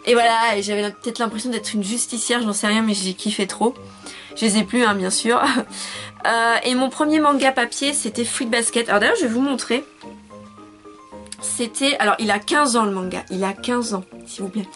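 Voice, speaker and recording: A woman in her twenties chatting casually as she answers viewer questions in a video, with lots of fillers and quick self-corrections. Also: a little high, a bit bright, soft background music. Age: 20s. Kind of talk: casual chat.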